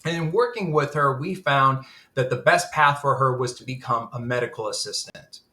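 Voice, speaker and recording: A man's voice: medium pitch, moderate pace, sharp tone. A man telling earnest stories as a guest in a casual webinar interview. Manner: earnest storytelling. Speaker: guest, admissions executive.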